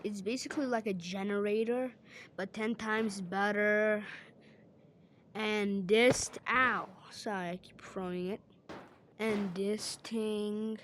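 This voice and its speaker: A woman playing a chatty electric-store salesman who pitches products with hesitations and filler words. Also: fairly even intonation, slow pace, fairly bright tone, a little hiss or hum. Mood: pitching.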